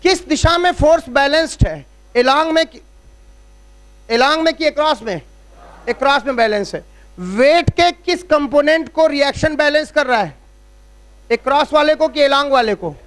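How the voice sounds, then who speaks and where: A man with a very high, fairly bright voice lectures on physics at a board, explaining step by step, checking in with rhetorical questions, and drawing on everyday analogies.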